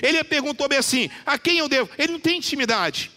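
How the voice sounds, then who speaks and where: A pastor with a very high, bright voice and lively intonation delivers an earnest, persuasive sermon that carries through a church with long reverb. He builds rising emphasis and slows right down to quote scripture with deliberate phrasing.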